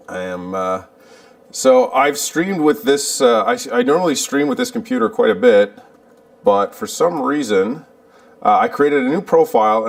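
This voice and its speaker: Chatty man streaming from his garage, gravelly. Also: a little high, recorded from a distance. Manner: chatty, muttering while fiddling with settings. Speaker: livestreaming vlogger. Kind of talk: casual livestream chat. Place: cluttered home garage.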